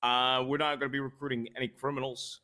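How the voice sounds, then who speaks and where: A man's voice: medium pitch, level tone, fast, pushed and bright. A man playing a senator in a game role-play, answering a crowd's questions bluntly, swearing and stammering on restarts. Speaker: senator in a roleplay briefing.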